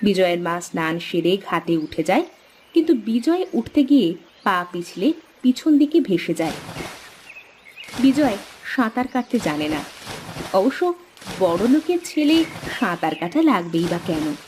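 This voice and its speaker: A woman giving scripted storybook narration for a cartoon in a steady storytelling manner. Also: mid-range voice, measured pace, long pauses, slight background noise.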